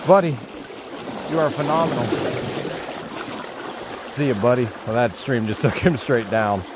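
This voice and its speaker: A fishing vlogger in his twenties chats upbeat and casually with viewers in an animated, medium-pitched voice, often talking to the fish and chuckling. He's outdoors beside a rushing stream, recorded on a chest or handheld action camera whose mic picks up loud water noise.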